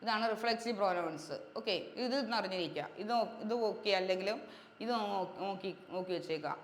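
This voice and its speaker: A woman English grammar teacher, drilling points over and over and checking understanding with quick questions. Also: medium pitch. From Kerala, India. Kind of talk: exam-prep grammar lesson. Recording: echoey room with long reverb, faint hiss.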